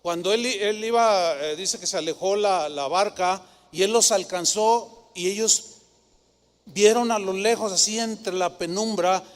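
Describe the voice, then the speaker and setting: A male pastor, preaching a sermon and telling stories with lively rhetorical questions. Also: high voice, a little slow. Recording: long hall reverb.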